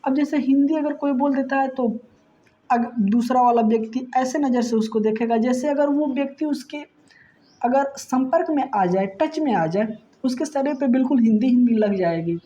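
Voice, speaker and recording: A woman's voice: high voice, normal speed, warm tone. A woman teacher going through exam questions in a chatty, explanatory way, often checking in with "okay". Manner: explains answers conversationally, repeats "ठीक है". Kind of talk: exam-prep lesson. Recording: dull lo-fi sound.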